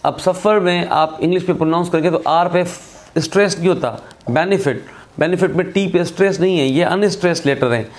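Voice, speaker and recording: A man's voice: sits high, fairly quick, few pauses. A man teaching English spelling rules in a recorded lesson, patient and repetitive, often checking in with his viewers. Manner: patient, repeats points, checks in with "theek hai".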